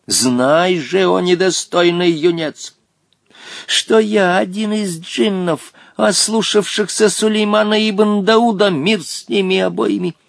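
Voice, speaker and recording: A man's voice: high-pitched, steady tone, slow pace, creaky, no echo, studio quality, pitched above the performer's own voice, full character voice. A man voicing a pompous, wrathful old male genie in an audiobook, speaking in archaic, threatening phrases. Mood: haughty. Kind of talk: audiobook character voice.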